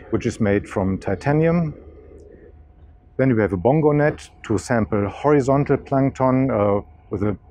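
Brief: middle-aged male scientist, mellow tone, halting with fillers, on a boat deck with faint wind. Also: mid-range voice. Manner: hesitant, many uh fillers. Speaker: marine scientist. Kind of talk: on-camera explanation. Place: outdoors on a yacht deck at sea.

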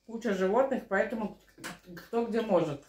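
A middle-aged woman makes relaxed small talk at the table in a medium-pitched voice. The room is clearly echoey, with cutlery and dishes clinking. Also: moderate pace. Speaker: mukbang vlogger. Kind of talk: casual chat over a meal. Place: small living room at home, indoors. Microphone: camera across the table.

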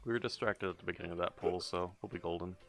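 Deep-voiced streamer rallying his raid team. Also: fairly even intonation, quick pace, over music. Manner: upbeat, joking, swears, cheers the group on. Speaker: streamer leading a raid group. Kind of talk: casual gaming voice chat.

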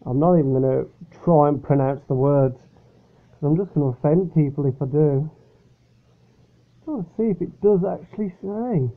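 A man's voice: a little high, moderate pace, pauses often. A man casually reviewing a drink from his upstairs bedroom, rambling and hesitant. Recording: tinny, phone-like sound.

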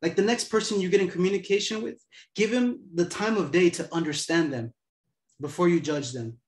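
A man's voice: high-pitched, brisk, roomy sound. A man in his twenties giving a casual motivational talk as host, laid-back and profane. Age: 20s.

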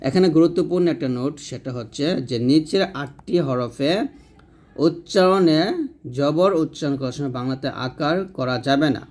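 A man from Bangladesh with a Bangladeshi Bengali accent, teaching Quran reading. He draws out letter sounds slowly, then explains quickly how to form each one. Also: fairly high pitch, a little mellow. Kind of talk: step-by-step recitation lesson.

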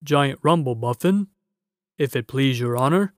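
A man's voice: mid-range voice, expressive, a little slow, dry recording, studio quality, natural voice. A man voicing a big, polite, good-natured working-class giant in a children's storybook, with deferential, folksy, rustic speech. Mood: obliging, eager.

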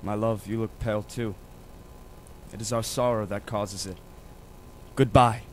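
A man's voice: lowish voice, fairly even intonation, a little slow, a little hiss or hum, close to an everyday voice. A young man playing a tender young lover saying farewell at dawn. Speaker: student actor in a school reading.

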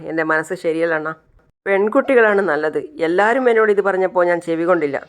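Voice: medium pitch, a bit bright, smooth, natural voice. A narrator voicing a remorseful aging father who begs again and again to see his daughter, in a retold television serial. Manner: pleading, tearful, repeats "anna".

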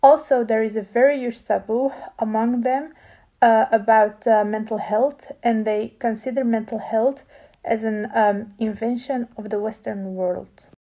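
A young woman speaks earnestly in a student presentation, her voice husky with a gravelly edge. Her tone is mellow and dark rather than bright, recorded up close. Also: on the high side, fairly even intonation, a little slow. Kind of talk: class presentation.

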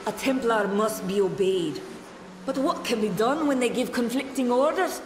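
Woman playing haughty gnome scholar, highish, echoing. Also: faint music behind, natural voice. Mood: formal, grave. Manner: formal, measured, imperious. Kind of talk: video game character dialogue. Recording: echoey hall reverb, noisy ambience.

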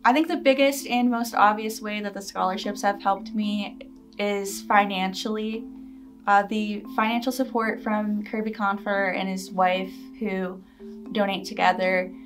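A woman's voice: mid-range voice, steady tone, measured pace. A young woman student answering interview questions earnestly and casually in a studio. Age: young adult. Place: studio in front of blue backdrop. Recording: distant mic with music underneath.

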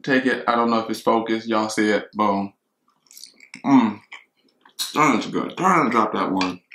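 A man's voice: on the low side, measured pace, a bit bright, roomy sound, slight background noise, low-quality recording. A man, rambling casually to viewers while eating in his kitchen. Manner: chatty, rambling, talks to viewers as y'all. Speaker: mukbang vlogger. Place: kitchen at home.

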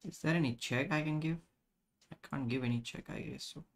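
A man in his thirties with an Indian accent, chatting casually as a chess instructor on a live stream, halting and repeating his phrases. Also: fairly high pitch, vocal fry.

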